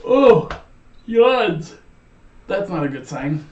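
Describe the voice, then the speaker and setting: A woman co-hosts a trivia night, reading questions and thinking out loud in quick, chatty asides. Her voice sits mid-range and bounces around a lot. She sounds set back from the mic, dull and echoey. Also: lowish voice, very animated, far from the mic. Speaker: trivia host.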